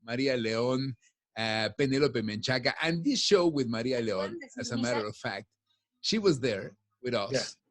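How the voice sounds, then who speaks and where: A talkative middle-aged man whose first language is Spanish chats as a guest on a casual podcast from his home office, keeps restarting his sentences. His medium-pitched voice is expressive and a bit bright, moving at a moderate pace, and the dry recording comes through headphones on a video call.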